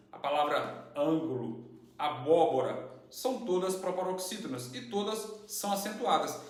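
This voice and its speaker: A young man teaching a lesson, explaining step by step with examples and rhetorical questions. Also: high-pitched. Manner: didactic, steady, uses worked examples and rhetorical questions. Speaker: channel host and study teacher. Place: indoor room with tiled floor. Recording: very echoey room.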